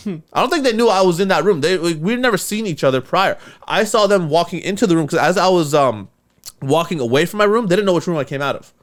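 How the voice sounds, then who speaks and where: A man spins a story in casual podcast talk. He swears often and acts out the voices of the people in his tale. His voice sits fairly high for a man. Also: fast talker. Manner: animated, profane, acts out quoted voices. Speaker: podcast co-host.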